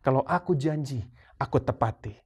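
A man voicing God as a calm, loving father who speaks reassuringly, within a sermon. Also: medium pitch, normal speed, slightly rough, voice pushed down.

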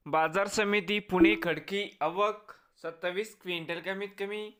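A channel host from Maharashtra, India, giving a formal, scripted farm market price report and reading out the figures in a steady way. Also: mid-range voice.

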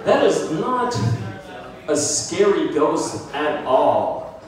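A man's voice: fairly high pitch, extremely slow. A man in his thirties doing a self-deprecating stand-up comedy set in a small bar, with a handheld mic, filmed from the audience. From United States. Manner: self-deprecating, animated, puts on voices for bits. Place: small bar with brick walls, indoors. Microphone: handheld mic, filmed by a phone from the audience. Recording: echoey bar from far off. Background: audience laughter.

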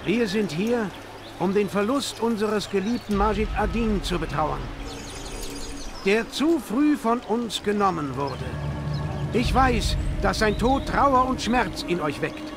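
A man voicing a solemn figure leading a funeral in dubbed video game dialogue, measured and preacher-like. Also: sits high, expressive, full character voice. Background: game music.

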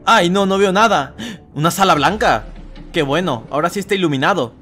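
A young man commentating a horror game as a let's player, talking to viewers and shouting at scares. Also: high voice, brisk, soft background music. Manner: excitable, shouts and screams at scares, chatty asides to viewers. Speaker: gaming YouTuber.

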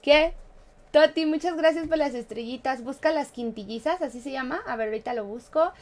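A high-pitched Mexican woman chats playfully with her live-stream viewers, laughing often and humming little tunes between remarks. She has a light, bouncy way of talking. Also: a little fast, a little mellow. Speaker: game streamer.

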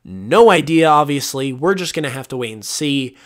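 A young man rambles through a casual solo podcast, heavy on fillers and restarts, recorded as voice-over on gameplay footage. His mid-range male voice is hoarse and worn, and he sometimes clears his throat, though his intonation stays lively at a moderate pace.

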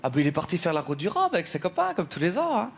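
A man's voice: sits high, wildly swooping pitch, fast talker, creaky, heavily acted. A man playing a chatty, gossiping middle-aged housewife in a stage comedy sketch, rambling and full of asides. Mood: gossipy.

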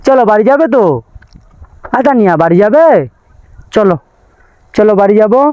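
A man's voice: sits high, expressive, a little fast, clear, resonant tone, muffled recording. A man vlogging, playfully coaxing and teasing small children in a sing-song way, then signing off to his viewers. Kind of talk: casual vlog talk to children and viewers.

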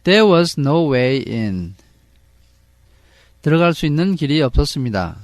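A male English reading teacher who reads a storybook aloud very slowly, line by line, and translates each line into Korean. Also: a little high, sing-song, no room sound. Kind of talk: read-along lesson with translation.

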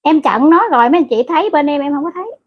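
A woman's voice: high-pitched, animated, rapid-fire, highs cut off. A middle-aged woman hosting a casual livestream. She reads out viewer comments and scolds rude commenters bluntly and crudely. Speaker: livestream host.

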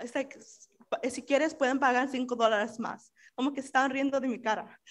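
A young woman stands before her church to share a testimony, her voice sitting high. She tells it with lively storytelling energy, switching between Spanish and English mid-sentence. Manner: mixes Spanish and English freely, animated storytelling. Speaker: church member giving testimony. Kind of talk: spoken testimony at a church service.

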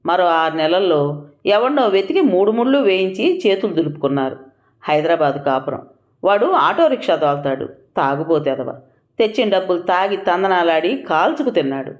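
A woman narrating an audio story in an expressive, measured way. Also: fairly low pitch.

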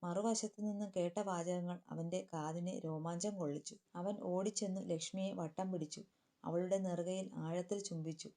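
A woman's voice: lowish voice, fairly even intonation, moderate pace, mellow. A woman narrating a family story, voicing each character's lines herself. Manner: reads all characters' lines in her own voice, lifting slightly for quotes.

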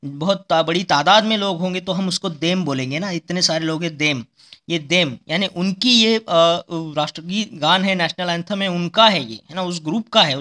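A male teacher with a high-pitched voice walks students through spelling words for exams. He repeats each word several times and explains with playful memory tricks. His tone is bright and clear. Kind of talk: spelling lesson for exam students.

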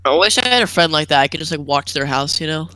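A teenage boy co-hosts a casual podcast, rambling, laughing often and saying "like" constantly. His fairly high voice is expressive, quick, bright and forceful, captured in a dry, low-quality recording.

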